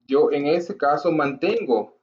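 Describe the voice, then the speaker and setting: A man's voice: on the high side, expressive, a little mellow. Patient male teacher, dull recording. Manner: explains slowly, repeats examples, checks in with "¿ok?". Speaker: language teacher. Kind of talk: grammar lesson to camera.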